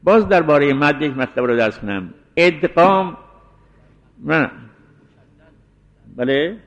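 A man's voice: on the high side, lively intonation. Man lecturing in an echoing hall, lo-fi. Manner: deliberate, explanatory, restating points. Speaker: seminary teacher. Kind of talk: scholarly jurisprudence lecture. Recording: dull lo-fi recording in a reverberant hall.

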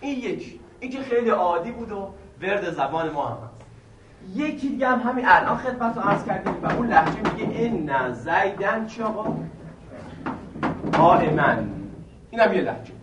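A man's voice: high voice, lively intonation. A man teaching a seminary grammar lesson in a classroom. He repeats each point patiently, poses questions to the class and answers them himself. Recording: echoey room, mic at a distance, faint noise.

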